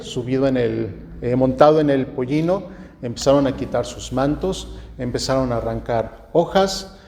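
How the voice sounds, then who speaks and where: A man with a Mexican accent preaching a sermon, speaking deliberately, asking rhetorical questions and often restarting his phrases. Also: medium pitch, darkish tone, long reverb tail. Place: church.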